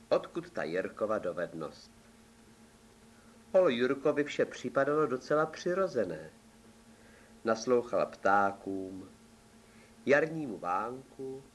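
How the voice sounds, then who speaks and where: A man reading a fairy tale aloud in a calm, measured storytelling manner. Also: on the low side, a little hiss or hum.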